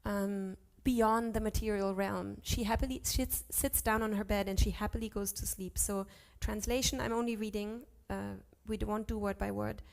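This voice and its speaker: A woman teaching a class on Sanskrit scripture, chanting verses slowly and correcting herself aloud as she goes. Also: mid-range voice, steady tone, vocal fry. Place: ashram class.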